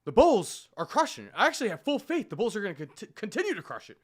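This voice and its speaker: A man hosting a live reaction stream, talking excitedly and jumping between topics. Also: high-pitched, quick pace. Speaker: livestream host reacting to news. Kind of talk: casual live reaction commentary.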